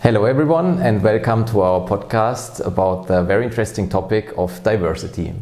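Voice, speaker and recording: A male podcast host asks his guest polite, encouraging questions in a warm, darker voice. The room around him sounds roomy and echoing. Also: on the low side, a little fast. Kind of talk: podcast interview hosting. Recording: roomy echo.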